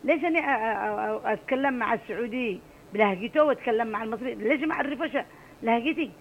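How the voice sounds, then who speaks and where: A middle-aged woman from Aden, Yemen, speaks Adeni Arabic as she calls in to a radio show, her fairly high voice racing along with passion and emphasis. The lo-fi line carries a little hiss or hum.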